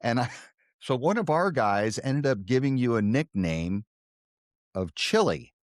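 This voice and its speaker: A man hosting an interview podcast, a former radio colleague of his guest, chatting in a relaxed, chummy way. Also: medium pitch, unhurried, no room sound, clean studio sound. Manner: relaxed, chummy, laughs along. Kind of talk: casual interview chat.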